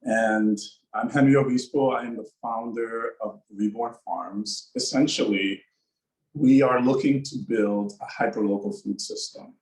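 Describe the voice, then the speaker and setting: A man's voice: mid-range voice, fairly even intonation, a little mellow. Earnest man in a roomy echo. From the Bronx, New York. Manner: measured, earnest, with pauses and fillers. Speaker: farm founder, panelist. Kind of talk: panel introduction.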